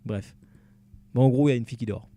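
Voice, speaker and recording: A man's voice: medium pitch, quick pace, mellow. A man giving casual let's-play commentary at home at night, rambling and joking about himself, with many fillers and restarts. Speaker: gamer playing through a game. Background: faint background music.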